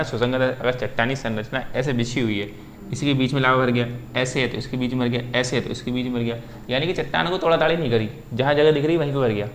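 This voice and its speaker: A man's voice: medium pitch, slight background noise. Man teaching, asks and answers himself. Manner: repetitive, asks and answers his own questions. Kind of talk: explaining at a whiteboard.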